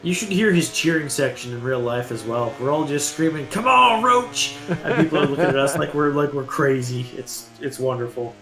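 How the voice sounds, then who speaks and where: A man working as color commentator on a sim racing stream, laid-back and joking, often halting and repeating his words. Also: medium pitch, echoey room, over music, poor audio.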